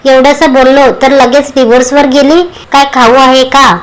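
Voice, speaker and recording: Young husband pleading then snapping, read by a woman with a high voice. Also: level tone, moderate pace, a bit bright, poor audio. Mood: angry. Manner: pleading and scolding.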